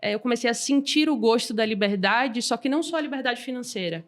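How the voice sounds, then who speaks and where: A woman, a guest telling her story in a lively, informal way. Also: fairly high pitch, fast talker. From Salvador, Brazil. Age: 20s. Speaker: guest entrepreneur. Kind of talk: casual interview chat.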